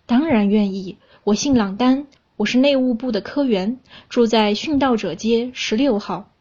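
A woman's voice: on the high side, normal speed, darkish tone, husky, lo-fi sound. A woman voicing a flustered middle-aged male clerk who stammers in bewilderment, read aloud in a storybook telling. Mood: nervous.

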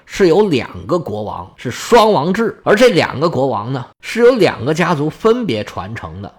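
A man tells ancient history in a relaxed, chatty way, and his voice rises and falls a lot. He sits a bit high for a man and throws in joking asides. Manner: lively, colloquial, joking asides. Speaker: history storyteller. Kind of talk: casual history storytelling.

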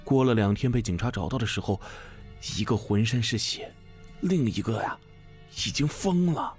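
A smug young man relishes a creepy tale, teasing and conspiratorial, as a male storyteller puts him on. His pitch swings widely and sometimes sinks to a hush. Faint music hums behind the audio story. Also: lively intonation, normal speed, close to an everyday voice. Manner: teasing, conspiratorial, drops to a hushed whisper.

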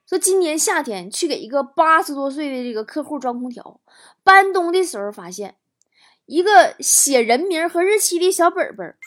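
High-pitched woman telling comic stories. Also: normal speed. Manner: lively, teasing, acts out quoted voices. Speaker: talk show host. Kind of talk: comic storytelling monologue.

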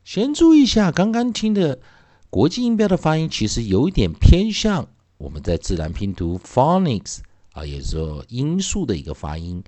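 A man's voice: mid-range voice, wildly swooping pitch, moderate pace, mellow. A man who teaches English phonics in a recorded lesson. He is patient and repeats each sound many times over.

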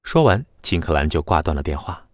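Deep-voiced male audiobook narrator. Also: a little fast, dry recording, clean studio sound. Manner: lively, dramatic storytelling.

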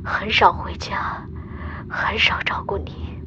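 A woman whispers slowly in a sharp tone, voicing a tender, emotional astronaut mother who sends heartfelt words to her young daughter in a radio drama voice message. The sound is lo-fi.

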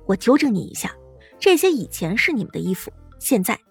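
A man voicing a fierce, sharp-tongued young woman fighter who talks down to thugs with scorn. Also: high voice, sing-song, brisk, gravelly, slightly rough, faint music behind, pitched above the performer's own voice, exaggerated voice. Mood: scornful. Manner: scornful, bossy.

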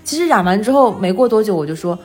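Woman, 30s, interview guest. Quick, animated, self-deprecating storyteller, music in the mix. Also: mid-range voice. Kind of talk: casual conversational storytelling.

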